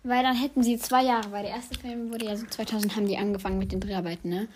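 A young woman chatting casually and excitably during a quiz challenge video, prone to giggling. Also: mid-range voice, quick pace, a little hiss or hum.

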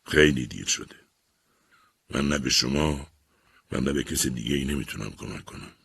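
A man's voice: very deep voice, creaky, fairly bright tone, breathy edge, full character voice. A man voicing a withdrawn, bitter young lieutenant.

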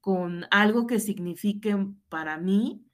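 A woman's voice: medium pitch, takes it slowly. Woman, Mexican accent, teacher, conversational storytelling, earnest, reenacts dialogue. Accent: Mexican Spanish. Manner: earnest, frequent tag questions, reenacts dialogue. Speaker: high school teacher. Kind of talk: reflective personal storytelling in conversation.

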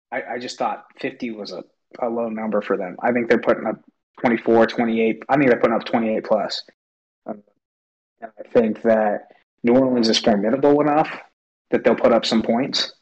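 A man's voice: medium pitch, steady tone, moderate pace, dull audio. A man co-hosting a casual sports betting chat who laughs often and repeats himself as he makes his picks. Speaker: podcast co-host.

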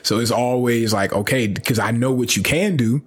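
A man's voice: medium pitch, moderate pace, husky. A man co-hosting a podcast in casual chat, laid-back and rambling, often asking "you know what I'm saying". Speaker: podcast co-host.

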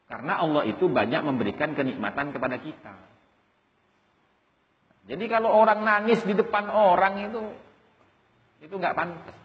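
A man's voice: fairly high pitch, a little hiss or hum. A man giving a conversational sermon as an Islamic preacher, often addressing listeners as Pak. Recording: dull audio with long hall reverb.

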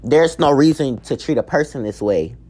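A man at a middle pitch talks through a book in a loose, informal way. He rambles and often stops to correct himself. He sounds like a student giving a relaxed spoken review. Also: normal speed.

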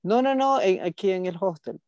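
A man's voice: high voice, expressive, normal speed, a little mellow, no room sound, dull audio. A man co-hosting a podcast, telling gossipy stories in a camp, playful way. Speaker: podcast co-host. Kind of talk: casual chat.

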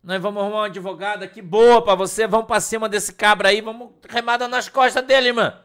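A pastor from Brazil preaching an informal sermon, blunt and scolding, full of slang. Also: male voice, sits high, fairly even intonation, quick pace, fairly bright tone, clear, resonant tone. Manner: blunt, scolding, slangy, mimics whiny congregants.

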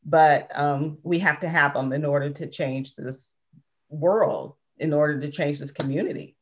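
Woman, sixties, interview guest, earnest, emphatic, low-pitched voice. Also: fairly even intonation, a little slow, slight background noise. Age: 60s. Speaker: interview guest, civil rights organization member. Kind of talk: casual interview conversation.

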